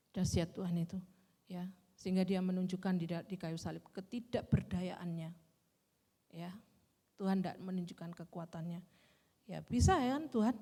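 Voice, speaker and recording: A middle-aged woman preaching a gentle sermon, often adding "ya" and "kan gitu". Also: lowish voice. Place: large church hall. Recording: long church reverb.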